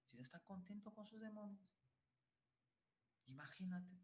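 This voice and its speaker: A man's voice: high voice, animated, moderate pace, darkish tone, reverberant, highs cut off. A man pastor preaching a sermon, emphatic and repetitive, full of rhetorical questions.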